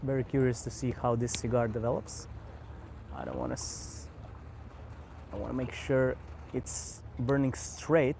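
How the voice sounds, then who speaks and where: A man's voice: medium pitch, vocal fry, a little hiss or hum. Croatian man chatting casually outdoors. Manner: relaxed, unhurried, repeats words while thinking. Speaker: cigar channel host. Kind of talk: casual live-stream chat. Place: outdoors on a vacation island by the sea.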